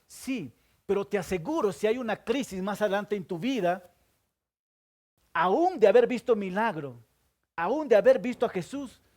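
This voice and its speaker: A man, preaching a sermon to a congregation. He keeps asking the listeners questions and answering them himself, and he moves between loud emphasis and hushed low asides. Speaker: pastor.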